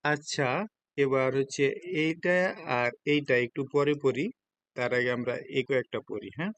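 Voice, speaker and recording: A man's voice: medium pitch, steady tone, moderate pace, a bit bright. A man teaching a Japanese lesson in Bengali with a Bangladeshi accent, patiently explaining each step and often asking students whether they understand. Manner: patient, checks understanding with frequent questions. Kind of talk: classroom lesson explaining hiragana.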